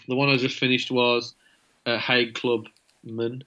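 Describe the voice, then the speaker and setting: Wry English guest on dull call audio. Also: male voice, mid-range voice, level tone, a little slow, pushed and bright. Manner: dry, wry, swears casually. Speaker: guest, rock band singer. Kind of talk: casual chat over drinks. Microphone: video call.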